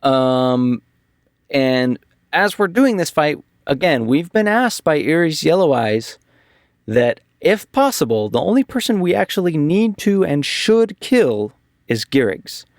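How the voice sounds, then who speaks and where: A man's voice: on the high side, very animated, slow pace, no echo. Man, casual tabletop recap, chatty, many fillers, dry close sound. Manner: rambling recap, frequent fillers and restarts. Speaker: game master recapping a campaign. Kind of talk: casual podcast chat.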